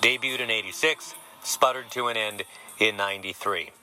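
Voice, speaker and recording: A man's voice: fairly low pitch, moderate pace, sharp tone, rough recording. A man hosting a sports podcast, with a wry, joking delivery. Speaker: podcast host. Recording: music playing behind the voice.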